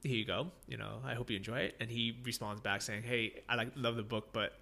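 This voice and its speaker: A man's voice: medium pitch, steady tone, a little fast, creaky, bright, forceful tone. An American man hosting a casual interview, talking in a rambling way with many fillers and frequent laughs. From United States. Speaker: podcast host.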